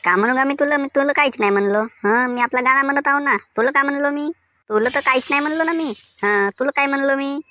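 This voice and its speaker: A man's voice: very high-pitched, fast, pushed and bright, a little hiss or hum, heavily acted. A man voicing a defensive, grumbling village mango seller with a Vidarbha Marathi accent. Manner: sing-song, defensive, grumbling. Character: cheerful singing village mango seller Diwakar.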